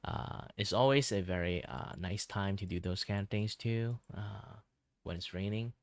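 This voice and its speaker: Guy streamer just chatting, lowish voice, dry close sound, rambles and stops and starts, pokes fun at himself. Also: no room sound. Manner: rambling, halting, self-deprecating. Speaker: livestreamer host, virtual video streamer. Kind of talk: casual livestream chat.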